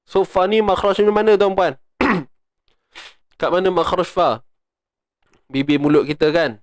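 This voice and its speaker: A man with a Malaysian Malay accent leads a recitation lesson, walking through each rule step by step and breaking into chanted verses. His voice is smooth and fairly high for a man. The sound is close and dry. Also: steady tone, unhurried, no room sound. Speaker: Quran recitation teacher.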